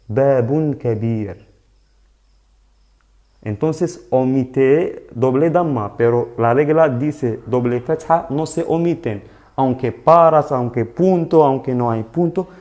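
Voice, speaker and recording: A man teaching a live online lesson in Spanish, explaining slowly and patiently and often checking that his students follow. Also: medium pitch, dark tone, dull audio. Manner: slow, patient explaining with frequent "¿vale?" checks. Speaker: Arabic teacher.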